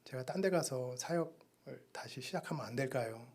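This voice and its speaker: A man giving a missionary's sermon testimony in a church, telling his story with sudden loud and soft turns. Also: mid-range voice, normal speed. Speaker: missionary preacher.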